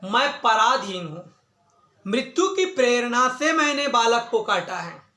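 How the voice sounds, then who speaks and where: A man's voice: very high voice, very animated, measured pace, sharp tone, full character voice. A man telling a religious story, voicing a talking male snake that argues earnestly for its life. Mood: pleading. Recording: echoey room.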